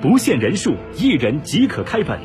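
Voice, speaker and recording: A man's voice: fairly high pitch, wildly swooping pitch, moderate pace. Dramatic promo guy, really varied intonation, music behind. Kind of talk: dramatic scripted event promo.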